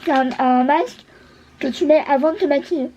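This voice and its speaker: A woman's voice: high voice, fairly quick, dark tone, lo-fi sound, a little hiss or hum. A woman beauty vlogger chatting casually, hesitant and full of fillers. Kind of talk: casual chat.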